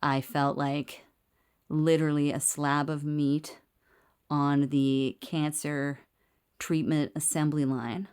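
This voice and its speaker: A woman speaks into a handheld phone camera in a small clinic room, recording her video diary. Her voice sits very low and she takes her time, talking candidly with a wry edge and sometimes slipping into a whisper. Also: level tone, slow, a little mellow, clear, resonant tone. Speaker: video diarist. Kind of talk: casual personal video diary.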